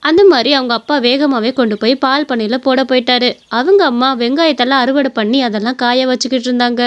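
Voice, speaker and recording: A woman narrates a cartoon story in a plain storytelling way. She talks fast in a high voice and speaks to viewers directly.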